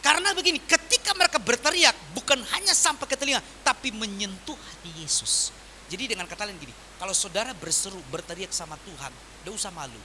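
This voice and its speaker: A man preaching a sermon as pastor, swinging from loud emphatic lines to quiet soft ones. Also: high-pitched, quick pace, a little hiss or hum. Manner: animated preaching with wide swings in volume.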